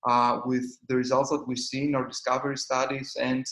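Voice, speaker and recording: Flat-voiced Greek man, many fillers. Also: mid-range voice, fairly quick, echoey room, poor audio. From Greece. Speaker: startup founder and CEO. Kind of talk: conference interview.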